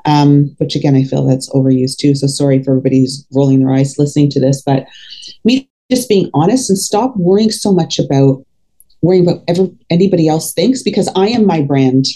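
A fitness coach in her fifties appears as a podcast guest, talking candidly in an outspoken, emphatic way. Her voice is deep and dark, and she speaks a little fast. The recording is rough.

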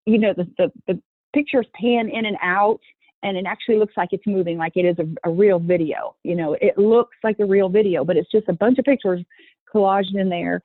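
Over a tinny phone line, a woman who runs a youth horse program talks earnestly in a conversational interview about her work with children. Her medium-pitched voice moves a little fast and sounds dry, and she restarts sentences and acts out voices when quoting people.

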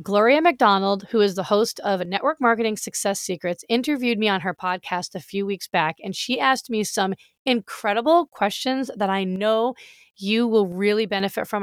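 Middle-aged woman, mid-pitched, friendly and emphatic podcast talk, dry recording. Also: no room sound. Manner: friendly, emphatic, direct address to listeners. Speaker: podcast host. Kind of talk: casual, enthusiastic podcast talk.

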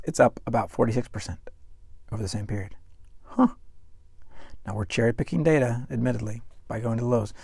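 On a dry, studio-quality recording, a finance show host speaks with a creaky, medium-pitched voice. He keeps things conversational, reading out news articles and quotes and addressing the listener directly.

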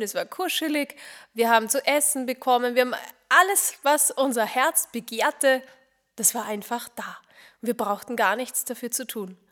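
Lady doing a motivational podcast, kinda high voice, earnest, talks right to you, goes soft and whispery a lot. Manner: earnest, speaks straight to the listener, often drops to a soft near-whisper. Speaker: podcast host.

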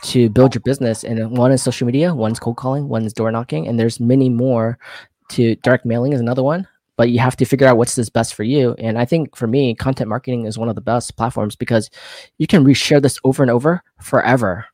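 A man hosting an interview, explaining points in quick lists and asking his guest questions. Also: medium pitch, fairly even intonation, a little mellow, no echo, clean studio sound. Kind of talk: casual interview talk.

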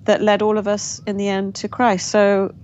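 Her delivery is completely flat, her pitch medium and a little mellow, her speed normal. This guest author from England recounts her family story in an interview, reflective and full of restarts, on dull lo-fi audio with faint background noise.

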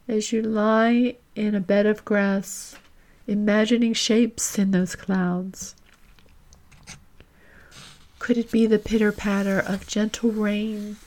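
In a podcast-host manner, a woman of medium pitch gently and deliberately leads a guided reflection, pausing for long stretches to reflect.

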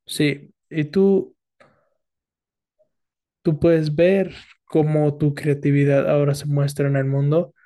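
Male podcast guest, mellow tone, relaxed and thoughtful, casual chat. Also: a little high, takes it slowly, long pauses. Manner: relaxed, reflective, with fillers and restarts.

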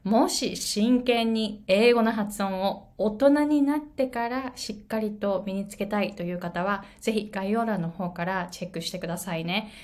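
A woman in her forties whose first language is Japanese, coaching pronunciation in a relaxed video lesson. She tells her stories in a lively way, with many fillers and little restarts. Her pitch rises and falls widely. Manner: animated storytelling with many fillers.

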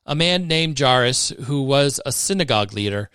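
A man giving a measured, expressive scripted reading of scripture for a podcast. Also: mid-range voice, clean tone, dry recording, studio quality. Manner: measured, expressive reading that rises for dramatic moments. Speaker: scripture reader.

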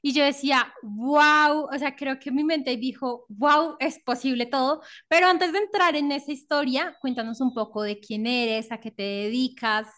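Enthusiastic woman podcast host, slightly high. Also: moderate pace, few pauses. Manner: warm, enthusiastic and affirming. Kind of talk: casual interview.

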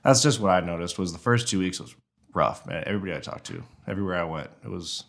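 Man, low voice, American accent, casual podcast guest, empty warehouse echo. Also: animated, fast talker, gravelly, fairly bright tone. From eastern Oregon, United States. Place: makeshift podcast studio in warehouse. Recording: echoey empty warehouse room.

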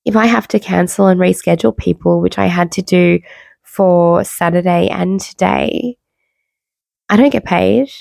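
Woman doing a candid solo podcast from bed, sick with a cold, low creaky voice, pretty dry sound. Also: unhurried, darkish tone, no echo. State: unwell with a cold, low energy. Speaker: podcast host, wellbeing coach. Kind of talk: personal podcast monologue. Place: bedroom, sitting on bed. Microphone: makeshift mic, not usual podcast microphone.

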